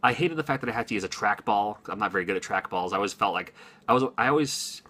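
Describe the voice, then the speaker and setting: A gaming YouTuber in his forties from Washington, USA, rambles to the camera in an unscripted, casual monologue. His voice is fairly low, sharp, and animated, and he talks fast, chatty with lots of ums and little chuckles.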